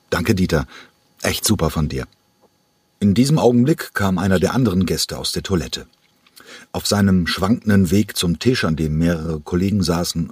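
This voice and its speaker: A man reading an audiobook in a measured, steady narration. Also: low-pitched, husky, no room sound. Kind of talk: scripted narration.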